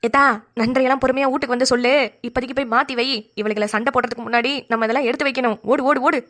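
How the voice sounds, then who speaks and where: A woman's voice: on the high side, very fast, natural voice. Woman voicing a kind, practical older village woman. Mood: reassuring, urgent. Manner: calm, instructing, reassuring. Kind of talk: cartoon voice acting.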